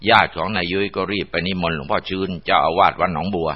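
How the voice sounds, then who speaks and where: A man's voice: low-pitched, steady tone, fast talker, husky. A man narrating a ghost story in a dramatic, vivid storytelling manner. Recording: dull lo-fi recording.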